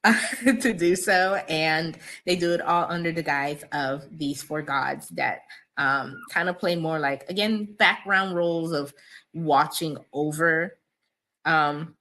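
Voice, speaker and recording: Low-pitched woman author guest, chatty, lots of ums and laughs. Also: takes it slowly, pushed and bright. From United States, Cameroonian parents. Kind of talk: casual interview chat.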